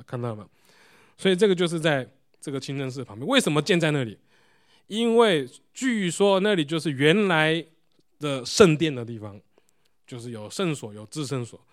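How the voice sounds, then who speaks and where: Male preacher, sermon, voice a little high, leans on rhetorical questions. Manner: asks the congregation rhetorical questions; explains while showing photos.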